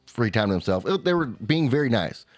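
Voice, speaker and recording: A man co-hosting a chat show, telling a long, animated travel story in a casual way. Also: fairly quick, faint music behind. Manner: animated storyteller, mimics a screaming child in high squeals. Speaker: podcast co-host.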